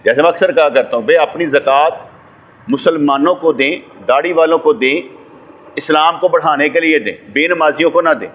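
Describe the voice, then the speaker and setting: A Pakistani man with a Pakistani Urdu accent delivers a sermon as a religious scholar, his voice sitting a little high. He preaches insistently, building to forceful emphatic peaks and throwing rhetorical questions out to his listeners. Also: moderate pace. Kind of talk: sermon lecture.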